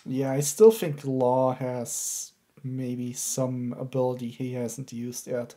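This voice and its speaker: A man's voice: medium pitch, fairly even intonation, slow pace, mellow. A man in his thirties in a casual co-hosted chat about comics, laid-back and matter-of-fact. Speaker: co-host of a manga reaction show. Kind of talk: casual chat reviewing a manga chapter. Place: room at home, indoors.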